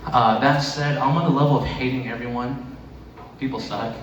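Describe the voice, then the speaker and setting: A man's voice: medium pitch, fairly even intonation, moderate pace, crowd noise. Echoey, distant male stand-up comic. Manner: profane, conversational delivery. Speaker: stand-up comedian. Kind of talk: stand-up comedy set. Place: echoey room with live audience. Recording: echoey noisy room, distant mic.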